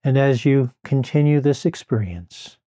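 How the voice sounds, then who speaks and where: Man, guided relaxation, very slow, soothing drawn-out phrasing, warm dark tone. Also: medium pitch, animated.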